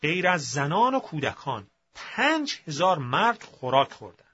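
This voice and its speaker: Expressive male scripture reader. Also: fairly high pitch, a little hiss or hum. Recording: slightly muffled with faint music.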